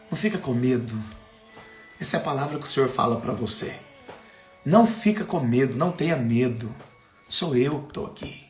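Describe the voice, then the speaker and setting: A man preaching a sermon in Brazilian Portuguese, impassioned, building to emphatic peaks and then dropping soft. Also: fairly high pitch, gravelly, roomy sound. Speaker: pastor. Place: church sanctuary.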